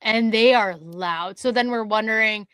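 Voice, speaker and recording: A woman from Canada co-hosting a podcast, telling a hunting story in casual chat, animated and swearing, acting out other people's words. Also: a little high, unhurried, clear, resonant tone, no echo. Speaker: podcast co-host.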